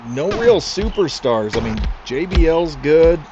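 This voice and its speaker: A man doing casual, excitable play-by-play commentary for a league, throwing in chatty asides to his co-hosts. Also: a little high, measured pace, noisy background. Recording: slightly muffled with clear music behind.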